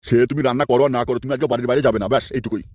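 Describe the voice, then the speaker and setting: A man's voice: mid-range voice, fairly even intonation, very fast, a little mellow, a little hiss or hum, lightly acted. A man voicing a stubborn, suspicious husband in a comic cartoon dub. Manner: nagging, suspicious.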